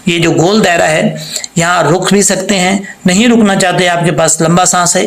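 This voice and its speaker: A man with a fairly high, gravelly voice gives a patient recitation lesson, spelling out each letter and vowel mark before stretching the word out slowly. He quizzes the listener and answers himself. The room around him is echoey. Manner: asks and answers his own quiz questions. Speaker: Quran recitation teacher. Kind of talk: tajweed lesson with slow demonstrations.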